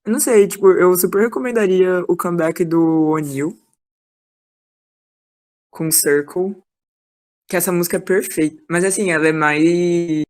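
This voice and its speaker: Woman, slightly low, enthusiastic chatterbox, video-call audio. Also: darkish tone. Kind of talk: casual chat in an online class.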